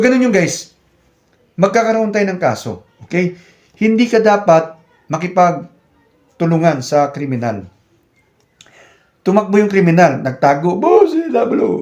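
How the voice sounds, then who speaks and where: Man, Filipino accent, slightly high voice, casual explainer, chatty, talks straight to viewers. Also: darkish tone. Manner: conversational, addresses viewers as guys, acts out little scenes. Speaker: YouTube channel host, security guard trainer.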